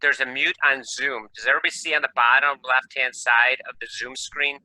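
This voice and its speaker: A man's voice: mid-range voice, fairly even intonation, fairly quick, pushed and bright, dry recording, low-quality recording. A man teaching an electronics class over a video call, talking casually and thinking aloud as he works the screen share. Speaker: electronics instructor. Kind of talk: live online class lecture.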